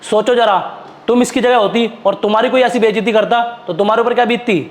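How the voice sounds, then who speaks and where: A man playing a calm husband who firmly lectures his wife on respecting others. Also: very high-pitched, fast talker. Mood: lecturing. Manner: firm, lecturing. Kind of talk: amateur web drama acting.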